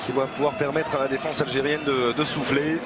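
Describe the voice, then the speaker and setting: A man doing live football play-by-play, quick to get excited when the action builds. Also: mid-range voice, over loud music, over a noisy crowd. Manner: excitable on big moments. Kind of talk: live match commentary. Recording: live broadcast with loud stadium noise. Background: loud stadium ambience.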